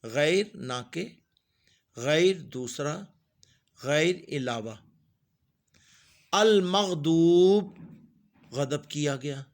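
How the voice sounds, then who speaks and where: A middle-aged man teaching a Quran lesson, reciting each word slowly and drawn out, then explaining its meaning in a quick, plain way. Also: fairly high pitch.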